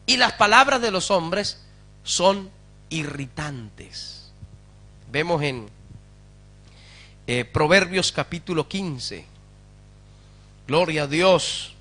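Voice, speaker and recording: A man's voice: a little high, lively intonation, takes it slowly, pauses often, pushed and bright. A man, a pastor, preaching a sermon with fervour, calling out to his congregation for responses and asking rhetorical questions.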